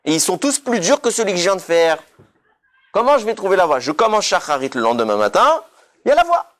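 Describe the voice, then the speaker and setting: Talking fast with wide swings in his high voice, a man gives an impassioned weekly Torah sermon as a rabbi. Casual phrasing mixes with Hebrew words, and his emphasis builds until he is nearly shouting.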